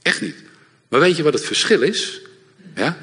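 A middle-aged man preaching a sermon to a congregation, lively and direct, often checking in with the audience. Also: a little high, moderate pace, husky. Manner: lively, engages audience with repeated "ja?". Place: church hall before a congregation. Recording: long hall reverb.

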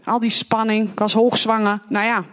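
A woman's voice: on the high side, little pitch movement, moderate pace, fairly bright tone. A woman giving an earnest personal testimony in a church, telling her story in plain, heartfelt words. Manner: earnest, acts out quoted voices.

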